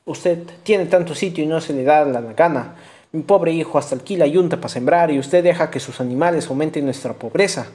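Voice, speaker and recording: A long-suffering old peasant mother, as a male narrator puts her on, pleading and plaintive as she begs for fairness. Her voice is lifted above his own reading voice but keeps his dark, mellow color. It is an audiobook figure. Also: fairly high pitch, fairly quick, lightly acted.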